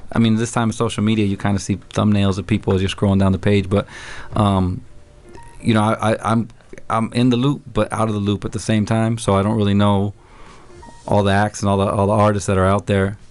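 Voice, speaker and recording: A man's voice: fairly low pitch, little pitch movement, darkish tone. A middle-aged man, a longtime DJ, talking earnestly in a casual radio studio interview. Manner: thoughtful, earnest, slightly halting. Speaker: DJ guest.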